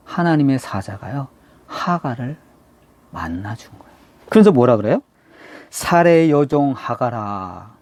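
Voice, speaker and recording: A man preaching a Sunday sermon as pastor, acting out the people in the story and dropping now and then to a hush. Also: medium pitch, gravelly, no room sound. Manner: animated storytelling preacher who acts out quoted voices, swinging from loud to hushed.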